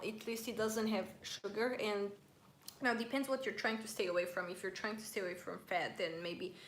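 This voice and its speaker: A woman's voice: medium pitch, fairly bright tone, slight background noise. Chatty woman vlogger in a roomy space. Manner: chatty, reads viewer comments aloud. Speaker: vlogger hosting a live stream. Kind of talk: casual live-stream chat while eating.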